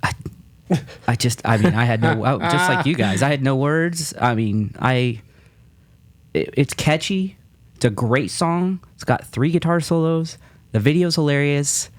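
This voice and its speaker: A man's voice: mid-range voice, unhurried. A man co-hosting a podcast in a casual chat, starting his sentences hesitantly and laughing easily. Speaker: podcast co-host.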